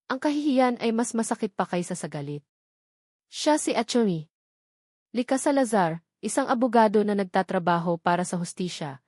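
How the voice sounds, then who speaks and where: A woman with a Filipino accent narrates a scripted romance story dramatically in a mid-range, slightly mellow voice. The recording is dry with a clean studio sound.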